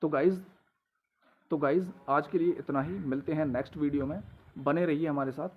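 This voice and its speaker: A man teaching a lesson, explaining slowly and repeating rules with question prompts. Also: a little high, steady tone. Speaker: English teacher. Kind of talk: classroom-style lesson. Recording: tinny phone-like audio with faint noise.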